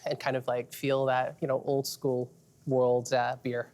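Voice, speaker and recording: A beer expert from Trinidad, a woman with a Trinidadian accent, chats casually as a guest about the beers being tasted. Her voice is very deep and a little slow, and she explains things in a relaxed way, using fillers.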